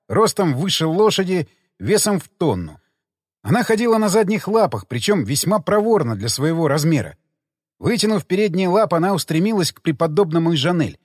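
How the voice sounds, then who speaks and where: A man's voice: a little high, no room sound, studio quality. A man narrating an adventure audiobook in the first person, reading dramatically and voicing the dialogue.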